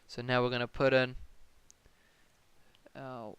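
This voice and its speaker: A man's voice: medium pitch, monotone, slow pace, a bit bright, clear, resonant tone, no echo, lo-fi sound. A young man with a New Zealand accent tutoring maths on a live stream, thinking aloud and answering chat questions in a casual way.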